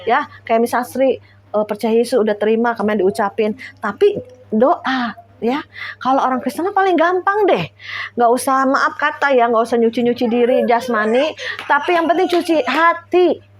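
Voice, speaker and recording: A woman's voice: high-pitched, normal speed. A middle-aged woman, preaching an informal home sermon in a conversational, exhorting way. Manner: conversational, exhorting, checks in with listeners.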